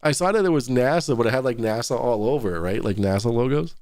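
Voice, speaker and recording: A man's voice: medium pitch, lively intonation, fast, darkish tone, no room sound, studio quality. A man with a Boston accent hosting a talk show, joking and laughing through casual live-stream commentary.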